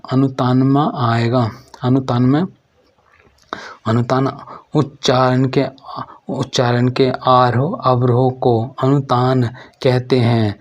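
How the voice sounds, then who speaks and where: Guy teaching grammar from his notes, slow and flat, says everything twice, muffled lo-fi sound. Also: mid-range voice. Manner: slow and repetitive, restating each phrase. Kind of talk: exam-prep grammar lesson, reading out notes. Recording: dull lo-fi recording.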